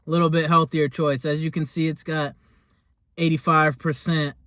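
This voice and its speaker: A man's voice: fairly high pitch, level tone, normal speed, fairly bright tone, slight background noise. A man giving a casual, rambling food review in a laid-back, chatty way, as host of a taste test. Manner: rambling, laid-back, hesitant phrasing with lots of "like".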